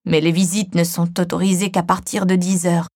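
A woman voicing a frail, grieving elderly man who speaks slowly and weakly. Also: on the low side, level tone, dry recording, clean studio sound, natural voice. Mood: sorrowful. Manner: slow, weak, quiet delivery.

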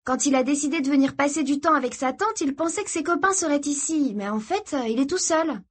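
A woman voicing an excited, chatty teenage girl who talks high and eagerly in a read-aloud story. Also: lightly acted. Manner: high, eager, quick to defend.

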